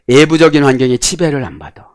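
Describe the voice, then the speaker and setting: A male pastor preaching a sermon, swinging between loud exclamations and quiet asides. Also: mid-range voice, very animated, fast talker, dry recording, clean studio sound.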